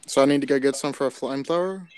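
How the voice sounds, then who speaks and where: A man's voice: mid-range voice, racing, darkish tone, clean tone, dry recording. A man on a casual livestream panel, throwing in teasing, jokey asides. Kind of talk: casual chat.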